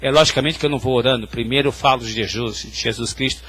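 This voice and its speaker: A man's voice: medium pitch, quick pace, fairly bright tone, breathy edge. A male pastor preaching a sermon, telling stories and speaking directly to the congregation. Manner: tells hospital stories, addressing the congregation directly.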